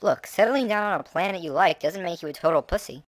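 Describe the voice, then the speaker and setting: A man's voice: high voice, fast, natural voice. A man voicing a laid-back male alien who gave up conquering, talking casually and sarcastically. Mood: easygoing.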